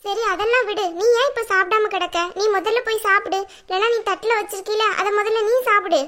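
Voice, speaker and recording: A woman's voice: extremely high pitch, steady tone, quick pace, bright, forceful tone. Woman doing a bossy, scolding cartoon mother. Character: scolding middle-aged mother, blunt and bossy. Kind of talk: cartoon drama dubbing.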